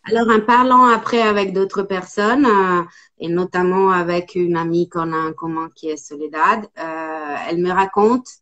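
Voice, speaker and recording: A woman in her forties from Italy with an Italian accent, speaking as an interview guest, hesitant with many pauses and fillers. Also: on the low side, fairly even intonation, fairly bright tone, highs cut off. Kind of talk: casual interview.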